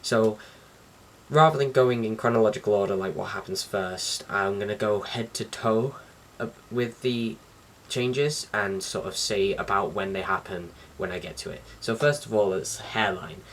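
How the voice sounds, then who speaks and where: A young man vlogs casually to camera, informal and a bit hesitant as he rambles. His voice is fairly low and a bit bright at a normal speed, picked up by a distant mic with faint background noise.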